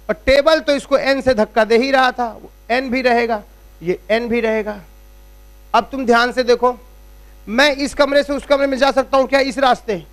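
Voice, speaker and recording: A man's voice: very high-pitched, fairly bright tone. A man teaching physics as a classroom lecture at a board, explaining step by step and checking in with rhetorical questions. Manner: uses everyday analogies.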